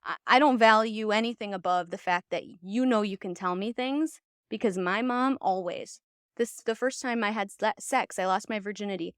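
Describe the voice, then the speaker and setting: A woman's voice: medium pitch, normal speed, a bit bright, smooth, dry recording, clean studio sound. A young woman talking candidly as a podcast guest, speaking frankly and swearing casually. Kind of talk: casual chat.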